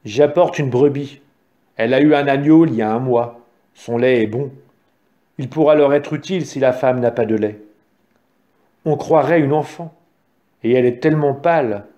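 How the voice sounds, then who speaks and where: A man voicing a humble, kind-hearted shepherd in a storybook reading, speaking with gentle, earnest pleading. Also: mid-range voice, normal speed, long pauses, lo-fi sound, natural voice. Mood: tender.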